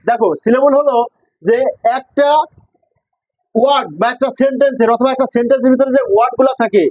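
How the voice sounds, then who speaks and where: Guy teaching english to a class, really high voice, dry muffled sound, keeps asking the class to repeat. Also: no room sound. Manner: drills class with call-and-response questions; mixes English and Bengali. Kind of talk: classroom lesson.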